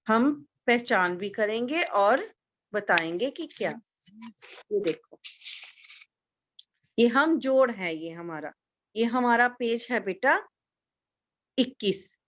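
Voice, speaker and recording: A woman teacher giving a slow, patient lesson to young children, repeating each word so they can echo it. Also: fairly high pitch, fairly bright tone, muffled recording. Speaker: kindergarten teacher.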